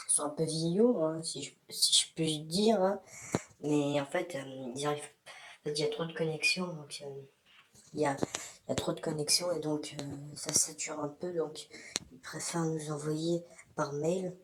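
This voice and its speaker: Rambling candidly and with lots of hesitation, a YouTuber addresses his community from his bathroom in a casual vlog, a filter altering his man's voice to disguise it. It is a fairly high, slightly bright voice, with slight background noise.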